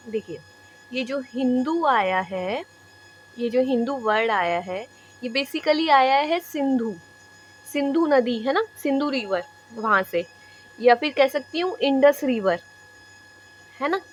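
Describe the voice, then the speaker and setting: A woman's voice: a little high, lively intonation, a little hiss or hum. A woman teaching an exam-prep history lesson, repeating each point and often checking in with her students while mixing English terms into Hindi. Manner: repetitive, checks in with "है ना"; drills points by slow repetition. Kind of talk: classroom lecture.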